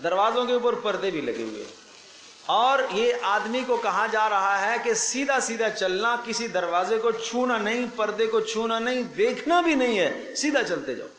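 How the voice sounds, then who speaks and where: A man's voice: sits high, a bit bright. Preaching man in an echoey room. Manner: storytelling, acts out speakers in his parables, repeats phrases for emphasis. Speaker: religious teacher giving Quran commentary. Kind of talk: Urdu sermon with vivid parables.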